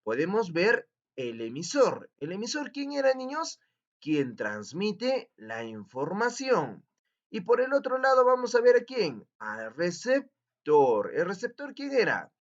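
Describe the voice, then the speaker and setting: A man teaching a lesson to young children, in a sing-song manner, slowing down to stress key words. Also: high-pitched, wildly swooping pitch. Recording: dull lo-fi recording.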